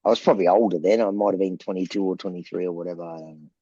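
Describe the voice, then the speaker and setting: A gravelly, low-voiced Australian man in middle age tells long, rambling stories and acts out the quotes. The sound is dry and slightly dull, like a remote call. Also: racing, no echo. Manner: rambling, animated anecdotes with acted-out quotes. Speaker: rock band frontman, interview guest. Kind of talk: casual storytelling.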